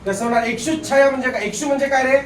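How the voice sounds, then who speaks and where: A man's voice: extremely high pitch, steady tone, racing, echoey room, distant mic, a little hiss or hum, poor audio. A man teaching Marathi grammar in a classroom lecture, often putting questions back to the class and coaxing them along.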